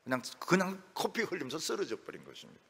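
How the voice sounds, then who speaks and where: A middle-aged male pastor preaching a sermon in a lively, storytelling way, acting out the voices of people he quotes. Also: fairly high pitch, fast, gravelly, husky. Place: church sanctuary. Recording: long reverb of a church hall.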